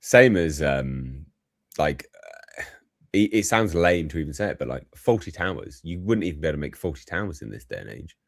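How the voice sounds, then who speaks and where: A man's voice: extremely low pitch, animated, fairly quick, vocal fry, no room sound, studio quality. A man co-hosting a casual chat show, laid-back, laughing often and reading viewer comments aloud.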